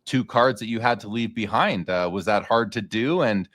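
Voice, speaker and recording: Low-voiced male interview host. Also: normal speed, a bit bright. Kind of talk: casual interview chat.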